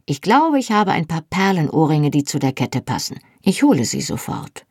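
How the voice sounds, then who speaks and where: A narrator voicing a brisk Scottish sister. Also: medium pitch, sing-song, a little mellow, slightly rough, dry recording, clean studio sound. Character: young Scottish woman, brisk and practical.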